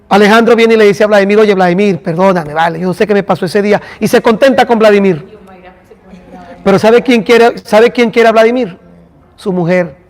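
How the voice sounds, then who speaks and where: High-voiced pastor in echoing hall. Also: male voice. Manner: addresses listeners by name, conversational. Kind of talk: church class teaching.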